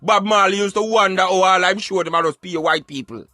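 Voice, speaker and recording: The voice is a Jamaican radio host's, fairly high and bright, delivering thick Patois at a brisk clip. He is argumentative and emphatic, sermonizing like a talk show commentator. Music runs under a close, dry recording with no room sound.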